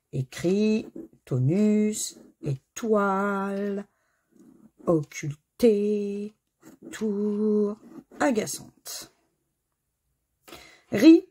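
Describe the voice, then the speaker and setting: Scratching crossword lottery tickets in a half-renovated corner of her house, this middle-aged scratch-card video host keeps up a chatty, self-mocking commentary, calling out each letter individually. She speaks at a medium pitch with a darkish tone.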